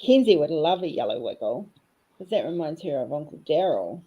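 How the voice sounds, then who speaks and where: A woman talks through her craft session in a relaxed, rambling way. Her voice sits on the low side and she keeps slipping in cheeky asides. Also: fairly quick, husky, muffled recording. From New Zealand. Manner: chatty and cheeky, rambling fondly. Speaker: craft vlogger. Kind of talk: casual chat while diamond painting.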